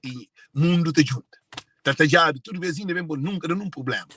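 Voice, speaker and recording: Speaking fast in a fairly high, fairly bright voice with a breathy edge, a Cape Verdean man tells viewers about his family in an emotional monologue, returning again and again to the same phrases.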